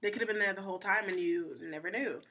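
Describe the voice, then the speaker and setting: A woman's voice: medium pitch, fast talker, bright, forceful tone. A woman co-hosting a casual podcast, offering skeptical theories and telling anecdotes with lots of "you know" and "like". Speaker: co-host.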